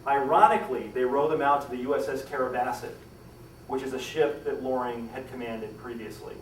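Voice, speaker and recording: A man's voice: fairly even intonation, brisk, slight background noise. A man telling a historical story to a live audience, acting out the characters' lines with dramatic swings in voice. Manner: dramatic, acts out quoted lines with rising pitch and volume. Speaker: historical storyteller giving a talk. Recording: echoey room, distant mic, faint ambience.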